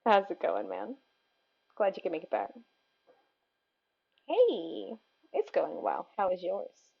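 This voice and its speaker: A woman's voice: medium pitch, big pitch swings, slow, vocal fry, slightly rough, lo-fi sound. A woman hosting a cooking livestream, chatting casually with viewers and answering their messages with giggles.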